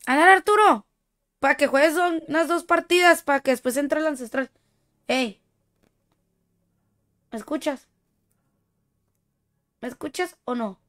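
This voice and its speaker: A woman's voice: high-pitched, unhurried, pauses often, fairly bright tone. A woman with a Mexican accent streaming a shooter game, chatting casually with playful, teasing, boastful banter. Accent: Mexican Spanish. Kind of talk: casual gaming stream chat.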